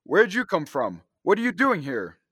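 Young man playing high-voiced eager space hero, Buck Rogers. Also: wildly swooping pitch, moderate pace, fairly bright tone, heavily acted. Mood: excited, eager. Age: young adult. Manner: earnest, gee-whiz enthusiasm. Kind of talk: 1930s radio serial acting.

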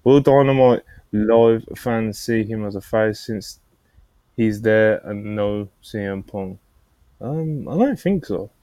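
Low-pitched male podcast host, dry close mic, jokey and relaxed. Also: slow, no echo, poor audio. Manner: laughing, bantering, reads donor messages aloud. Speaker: podcast host reading super chats. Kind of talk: casual podcast chat.

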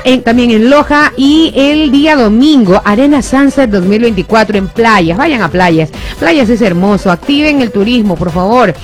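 A co-host in casual chat, reading event listings in a chatty, promotional way. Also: mid-range voice. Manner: chatty, quick reactions, promotional.

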